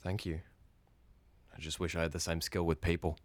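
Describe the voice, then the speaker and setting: An actor playing a soft-spoken young man whose hesitant affection turns obsessive and frantic. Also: low voice, little pitch movement, normal speed, no echo, close to an everyday voice. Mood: gentle. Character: lovesick young man turning obsessive and violent. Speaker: actor in an audio drama.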